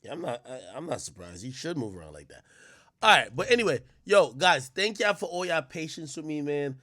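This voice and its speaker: A man runs his own live stream, talking loosely and profanely straight to his chat in a sing-song, slightly fast, sharp-toned voice of ordinary pitch. The sound is close and dry, with no echo or room around it.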